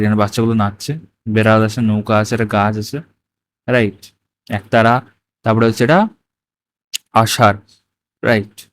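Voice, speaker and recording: A man's voice: medium pitch, no echo. A male teacher walks through a primary school textbook in mixed with English, often checking "right?". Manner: explains in Bengali mixed with English words, often asks "right?". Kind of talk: walking through a textbook lesson.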